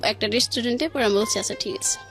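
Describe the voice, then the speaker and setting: A woman speaks quickly in a slightly high, somewhat bright voice with a Bangladeshi accent. Faint music plays behind her in a radio studio as she casually tells a personal story, connecting events and quoting what was said.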